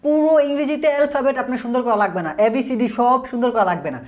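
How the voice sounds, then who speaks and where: A high-voiced woman with a Bangladeshi accent gives a spoken pronunciation lesson. She explains each sound and then drills example words slowly and repeatedly, in a clear teaching manner. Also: animated.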